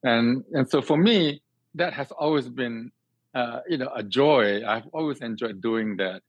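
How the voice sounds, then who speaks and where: A man from Singapore, guest on an interview and a cook who teaches cooking, talks at a measured pace in a medium-pitched voice with no room sound. Earnest and expansive, he answers conversationally, often repeating and reworking his phrasing while thinking. The recording has a dry, slightly dull, band-limited sound.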